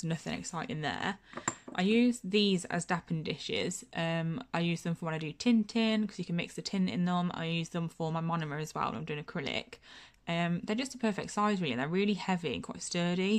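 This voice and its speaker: Touring her home nail room, a young nail technician and channel host chats away in a lowish voice, slightly stuffed up from hay fever. She pokes fun at herself and keeps stumbling into fillers and fresh starts.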